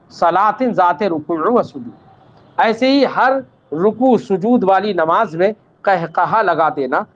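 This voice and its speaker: Man, religious teacher, high voice, recites then explains, checks understanding, muffled lo-fi sound. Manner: recites Arabic text, then explains it patiently; addresses students as child, checks they understood. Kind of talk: Islamic law lesson. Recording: dull lo-fi recording.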